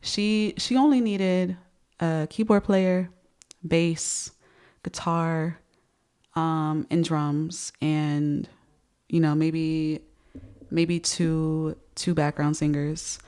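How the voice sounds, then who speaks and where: A woman's voice: sits low, steady tone, very slow, warm tone, clear, resonant tone. A woman in her thirties giving casual music commentary, speech slightly affected by dental retainers, hesitant and repeating words as she thinks.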